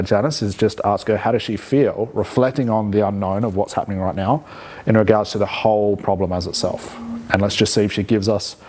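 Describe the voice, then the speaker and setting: Male instructor, lowish voice, conversational teaching delivery with frequent check-in questions. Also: darkish tone. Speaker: hypnosis instructor. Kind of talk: live teaching demonstration with commentary.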